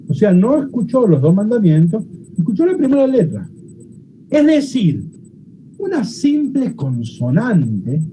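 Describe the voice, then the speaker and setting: Animated, dark-voiced teacher. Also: mid-range voice, slight background noise, poor audio. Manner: explanatory, often checks understanding with quick questions. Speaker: Bible teacher. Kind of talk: classroom lecture.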